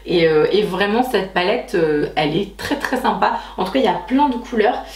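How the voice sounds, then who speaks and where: A woman's voice: medium pitch, expressive, moderate pace, echoey room, far from the mic. A woman chatting enthusiastically in a casual beauty haul vlog, with many fillers and restarts. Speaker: beauty vlogger.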